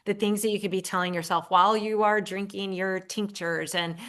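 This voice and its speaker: Her voice sits in the mid range with fairly even intonation and a fairly bright tone, and she talks a little fast. This middle-aged podcast guest, who also hosts her own show, chats earnestly and casually, speaking in affirmations and frequently starting sentences over.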